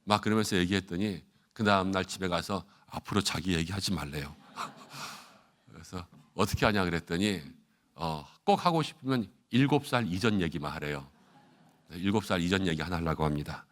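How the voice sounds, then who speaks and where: A middle-aged man, a senior pastor, giving an animated sermon at an early morning prayer service and acting out congregants' complaints along the way. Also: low-pitched, moderate pace.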